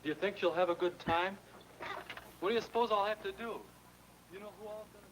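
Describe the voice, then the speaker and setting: A man's voice: high-pitched, steady tone, fairly quick, natural voice. A man acting an earnest, nervous young American in a 1950s educational film, with stiff, polite, hesitant delivery. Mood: unsure. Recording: noisy old film soundtrack.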